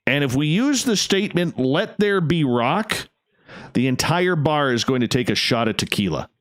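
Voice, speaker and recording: Clear-voiced male talk radio host, dry sound. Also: medium pitch, big pitch swings, brisk, fairly bright tone, dry recording. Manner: effusive, emphatic, repeats phrases. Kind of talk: casual late-night talk radio hosting.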